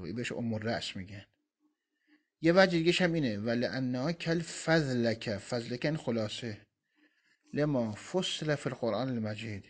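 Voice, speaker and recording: A man with a lowish, slightly breathy voice gives a Quran commentary lesson, reading Arabic quotations and explaining them phrase by phrase.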